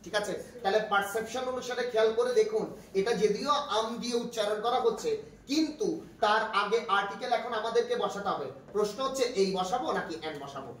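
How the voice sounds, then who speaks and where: A man's voice: sits high, fast, a bit bright. A man with a Bangladeshi accent teaching a classroom grammar lesson, patiently asking his class questions and repeating his points. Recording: echoey room from far off, faint noise.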